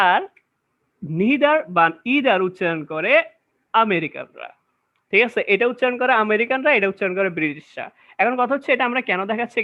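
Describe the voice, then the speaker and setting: High-voiced man teaching grammar. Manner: explains step by step, often checks understanding with questions. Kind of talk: classroom lecture. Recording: dull lo-fi recording.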